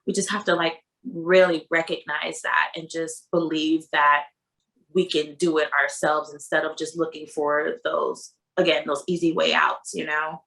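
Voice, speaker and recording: A woman guest in a casual interview, telling lively stories, acting out dialogue and saying "like" often. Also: low voice, unhurried, gravelly. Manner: animated storyteller, acts out dialogue, heavy use of "like".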